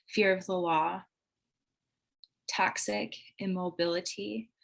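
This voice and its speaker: A woman's voice: on the low side, steady tone, slow, creaky, a bit bright, low-quality recording. A woman facilitating a live online training over a video call, earnest and loose, with many "like"s and "um"s. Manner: earnest, heavy use of "like" and "um". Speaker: workshop facilitator.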